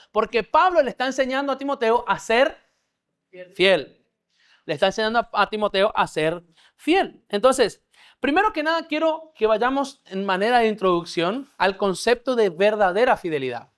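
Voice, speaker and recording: A pastor with a high, somewhat bright voice preaches a discipleship sermon to a live congregation in church. He keeps checking that they understand and leads call-and-response by having them repeat words back to him.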